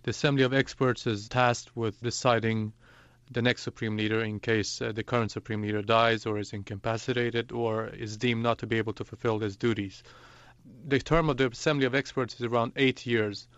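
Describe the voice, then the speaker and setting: A man from Iran, an editor joining remotely, answering in an analytical, deliberate way. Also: mid-range voice, fairly even intonation, a bit bright, smooth, no echo. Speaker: news editor guest. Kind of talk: panel discussion answers. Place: remote location outside the studio. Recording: dull remote line.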